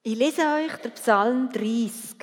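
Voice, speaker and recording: A woman reading a psalm and a gospel passage aloud in a church service, measured and solemn. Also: on the high side. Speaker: scripture reader. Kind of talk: slow church scripture reading. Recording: reverberant church hall.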